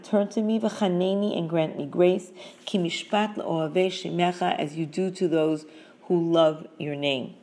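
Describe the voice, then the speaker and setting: A woman giving a measured scripture lesson, reading each verse in Hebrew and then explaining it in English. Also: on the low side, gravelly, a little mellow. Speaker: Torah teacher.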